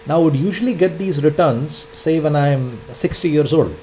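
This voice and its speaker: Man, twenties, mellow tone, explanatory lecture, filler-heavy, faint hiss. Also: on the high side, normal speed, low-quality recording. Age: 20s. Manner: filler-heavy, repeats points, says "in fact" often. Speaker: instructor.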